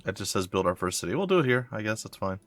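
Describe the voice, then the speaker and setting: A congested man, sniffly from a cold, plays through a game and reads the on-screen tutorial aloud, musing to himself and sounding mildly puzzled. His pitch sits fairly low but swings widely, he talks quickly, and the tone is fairly bright with no echo.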